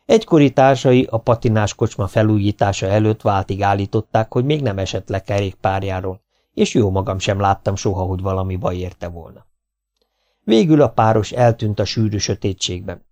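A male audiobook narrator reads in a calm, measured storytelling manner. His voice is low and gravelly, with a dark, mellow tone.

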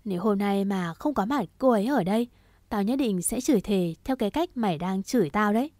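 Một người phụ nữ đọc giọng một chàng trai trẻ cứng rắn, che chở, nói dứt khoát và đầy đe dọa. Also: female voice, medium pitch, animated, brisk, dark tone, dry recording, studio quality, natural voice. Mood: cold. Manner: firm, clipped and threatening. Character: stern protective young man, cold and resolute.

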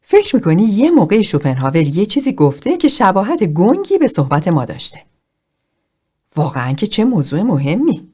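A woman voices a furious, sharp-tongued woman from a read-aloud novel. Every line is cutting and sarcastic. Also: mid-range voice, wildly swooping pitch, slightly rough.

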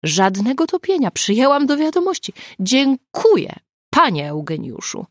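A woman's voice: high voice, big pitch swings, normal speed, no echo, studio quality, voice pushed up. A woman reading the part of an impulsive, outspoken woman writer who blurts out what she thinks. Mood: earnest. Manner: blurting, triumphant outbursts.

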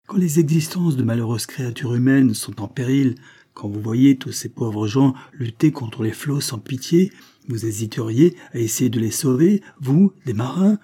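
A man voicing a brave, commanding young gentleman who speaks with scorn and resolve in a storybook reading. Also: medium pitch, lively intonation, moderate pace, breathy edge, pitched above the performer's own voice. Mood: rousing.

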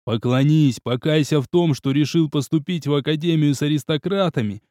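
Man putting on a hoarse, mocking young bully. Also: a little high, a little fast, dry recording, clean studio sound, natural voice. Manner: loud, mocking. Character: arrogant young male bully.

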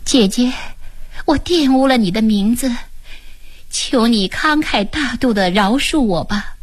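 A woman's voice: fairly high pitch, measured pace, breathy edge. A woman doing a bashful pleading young woman. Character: shy young woman begging forgiveness.

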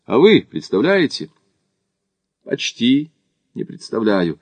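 A man's voice: mid-range voice, sing-song, slow pace, a little mellow, dry recording, pitched above the performer's own voice. A man doing a wry, wary doctor. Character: skeptical, cautious male doctor, amateur climber.

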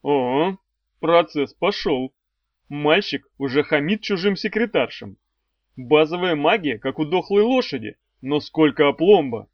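A man's voice: fairly high pitch, lively intonation, measured pace, no echo. A man voicing a sardonic demon swordsman. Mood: threatening. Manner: mocking, commanding, dry threats. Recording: dry, slightly dull audio.

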